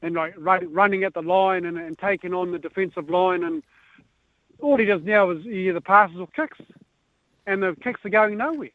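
A man's voice: sits high, moderate pace, no room sound. A man with a New Zealand accent calling a radio phone-in, chatting about sport in matey, blokey banter. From Northland, New Zealand. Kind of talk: casual sports chat. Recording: tinny phone line.

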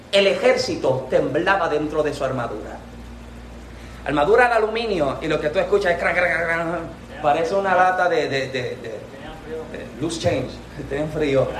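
A man preaching a sermon with a Puerto Rican accent, animated and acting out voices from the story. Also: sits high, a little hiss or hum. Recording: echoey room from a distance.

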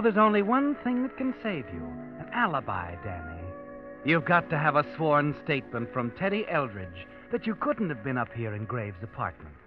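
A man narrating a 1940s radio drama in the second person, brooding and measured. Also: medium pitch. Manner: brooding, measured, addresses the hero as you. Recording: dull old radio broadcast with music.

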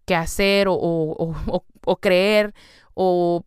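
A woman's voice: fairly low pitch, steady tone, slow pace, a little mellow, smooth, dry recording, studio quality. A young Mexican woman hosting a podcast, talking straight to the listener in a casual, slangy self-help monologue. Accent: Mexican Spanish. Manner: chatty, slangy, addresses listener directly. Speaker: podcast host.

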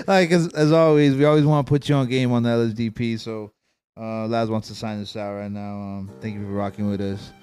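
A man's voice: medium pitch, steady tone, normal speed, darkish tone, clear, resonant tone, soft background music. A man co-hosting a podcast in casual chat, slangy and often repeating his phrases. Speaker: podcast co-host.

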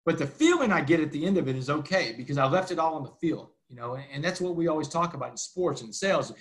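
A man in his forties from Texas, guesting on an interview as a motivational speaker. He races through his story with a slightly raised pitch and drops "man" into nearly every sentence. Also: lively intonation. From Texas, USA. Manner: fast talker, keeps saying "man".

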